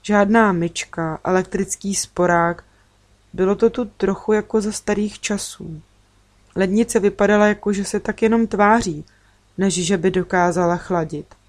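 A woman narrating a first-person children's story in a steady, measured way. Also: mid-range voice.

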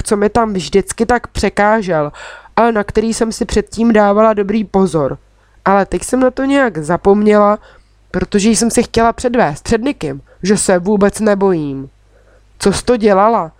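A woman narrating a children's story in the first person, with lively, expressive delivery. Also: medium pitch, no room sound, clean studio sound. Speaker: audiobook reader.

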